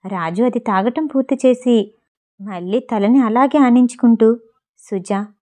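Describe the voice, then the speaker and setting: A woman narrating a storybook tale with steady, expressive pacing. Her voice sits a little high but warm and mellow, never sharp. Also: moderate pace. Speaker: audiobook narrator.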